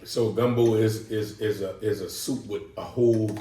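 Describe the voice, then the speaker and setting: Low-voiced New Orleans dad explaining gumbo. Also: male voice, fairly even intonation, moderate pace, dark tone, distant mic. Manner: explains at length with many fillers, emphatic. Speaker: husband, father. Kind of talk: casual family mukbang chat. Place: home dining table. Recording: echoey room, from off mic, faint noise.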